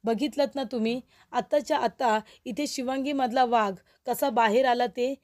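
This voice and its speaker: A woman's voice: fairly high pitch, fairly even intonation, moderate pace, darkish tone, natural voice. A woman voicing a determined young lawyer in a retold TV serial, earnest and soothing.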